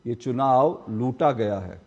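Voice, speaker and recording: A man anchoring a live TV news debate, sharp and needling, often cutting in on his guests. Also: medium pitch, slow pace, long reverb tail, dull audio.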